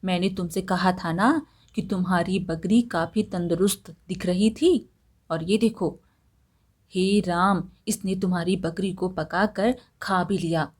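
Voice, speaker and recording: A woman's voice: fairly low pitch, measured pace, darkish tone. A woman doing a sly young village man. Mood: teasing.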